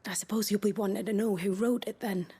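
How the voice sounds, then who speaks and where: A woman's voice: mid-range voice, fairly even intonation, dark tone, husky. An actress playing a flirtatious, teasing woman who carries messages, in a video game, with a coy manner. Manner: slow and coy, with frequent laughs. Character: flirtatious, teasing female tavern messenger.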